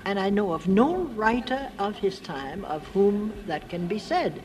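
A very old woman from the United States speaking in a reflective literary interview, halting and sometimes losing her thread. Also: mid-range voice. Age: elderly, very old. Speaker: interviewee, friend of the writer discussed. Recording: clearly noisy archive interview recording.

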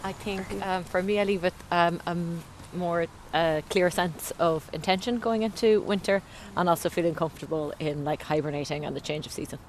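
A speaker shares thoughts haltingly and reflectively. The pitch is middling, with light outdoor noise behind. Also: low-quality recording. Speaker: group walk participant. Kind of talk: hesitant reflective sharing. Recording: faint outdoor ambient noise.

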